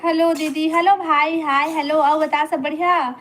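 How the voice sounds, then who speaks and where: A woman's voice: high-pitched, steady tone, measured pace, a bit bright. A woman with a Chhattisgarhi accent hosting a casual live stream, greeting viewers by name and urging them to stay and comment.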